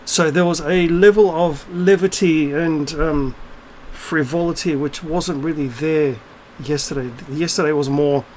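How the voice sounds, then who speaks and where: A man's voice: on the high side, steady tone, a little slow, hardly any pauses, a little mellow, slight background noise, poor audio. Blunt, profane middle-aged man ranting. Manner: blunt, profane, rambling with many fillers and restarts. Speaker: video blogger. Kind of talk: unscripted ranting monologue.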